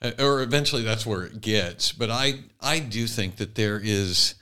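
A podcast co-host offers conversational commentary, thinking aloud and repeating phrases for emphasis. His voice is on the low side at a normal speed, bright, smooth and forceful in tone.

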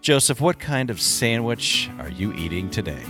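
A man hosting a podcast in casual chat, jokey and quick to laugh, sometimes mock-exasperated. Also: mid-range voice, sing-song, music in the background. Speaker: podcast host.

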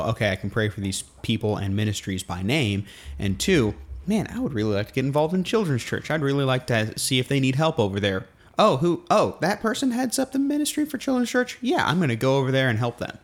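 A man's voice: medium pitch, lively intonation, brisk. Male co-host, mid-range voice, casual and wry, teases his partner. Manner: wry, teasing, explanatory. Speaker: podcast co-host. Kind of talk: casual podcast chat.

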